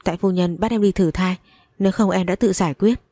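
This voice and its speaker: A woman's voice: on the low side, steady tone, fairly quick, warm tone, dry recording. A woman voicing a frightened young wife who pleads and begs. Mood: pleading.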